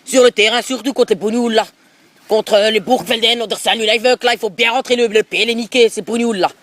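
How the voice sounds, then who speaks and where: A man doing a prank call puts on the voice of a loud, prejudiced football coach in middle age with an Alsatian accent. Pushy and rambling, he tacks small filler tags onto each sentence in a fairly high voice, his tone steady, fairly quick and a bit bright. The phone seems pressed close to his mouth, with a slight hiss or hum.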